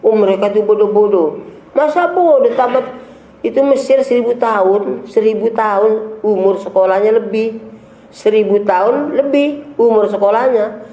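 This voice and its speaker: In a large hall, a man delivers a sermon to the gathering, scornful and emphatic as he fires rhetorical questions. He speaks at a moderate pace in a high, warm voice, and the room echoes.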